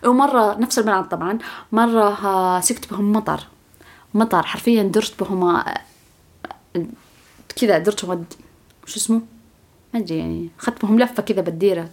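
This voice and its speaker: A young woman telling a story on her podcast in a casual, animated, self-mocking way, often laughing. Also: medium pitch. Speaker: podcast host.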